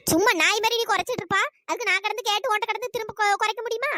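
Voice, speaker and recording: A woman's voice: very high voice, fairly even intonation, racing, bright, forceful tone, no room sound, studio quality. A woman voicing a sly, meddling village woman who stirs up quarrels in a cartoon. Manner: scolding, sly and gossipy. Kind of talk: cartoon voice acting.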